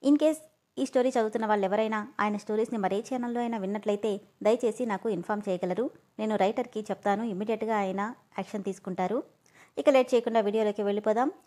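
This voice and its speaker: A woman's voice: medium pitch, fast talker, warm tone. A woman reading a serialized story aloud with dramatic expression. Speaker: story reader. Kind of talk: storytelling narration.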